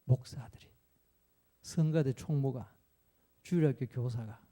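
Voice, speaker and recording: A man's voice: medium pitch, unhurried, warm tone. A male pastor preaching a sermon, telling a personal story and acting out his own pleading, tearful prayers.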